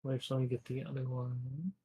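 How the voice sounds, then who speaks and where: A man's voice: mid-range voice, level tone, brisk, mellow, slightly rough. A man narrating a tabletop game as game master, explaining things at length and correcting himself as he goes. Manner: rambling, self-correcting explanations.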